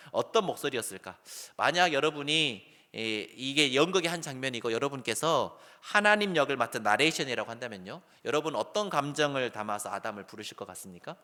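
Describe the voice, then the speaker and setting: A middle-aged male pastor preaching a sermon, lively and animated, sometimes loud and sometimes dropping soft. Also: medium pitch. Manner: animated preaching, acts out calls in a raised voice, then drops soft. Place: church sanctuary. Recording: long hall reverb.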